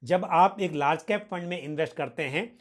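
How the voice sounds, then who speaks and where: A man's voice: on the high side, moderate pace. A man hosting a financial question-and-answer session, explaining formally and politely, with English financial terms mixed in. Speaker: host answering viewer questions.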